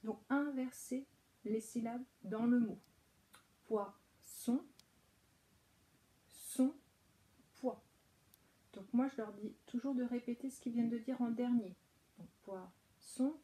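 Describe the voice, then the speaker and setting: A woman's voice: a little high, normal speed, mellow, low-quality recording. A woman with a French accent who teaches preschool, patiently explaining an exercise to parents step by step, with many hesitations. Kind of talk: instructional talk to parents.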